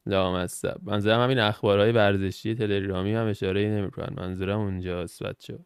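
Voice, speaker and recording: A young man gives casual, slangy commentary on a football game, reacting to cards as he opens them. His voice is gravelly yet smooth, and the sound is dry and close to the mic. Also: lowish voice, level tone, no room sound. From Iran. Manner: chatty, slangy, thinks aloud while reacting to game cards. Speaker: gaming channel host.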